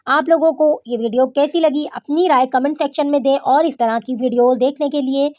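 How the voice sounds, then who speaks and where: A woman's voice: sits high, fairly even intonation, a little mellow, dry recording, clean studio sound. A woman hosting a showbiz news channel, reading a news-style voice-over with critical, opinionated commentary.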